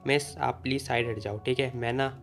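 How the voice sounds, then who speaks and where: A man reading the lines of a hot-tempered young man in a blunt, slightly slowed delivery. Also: medium pitch, fairly even intonation, vocal fry, soft background music, close to an everyday voice.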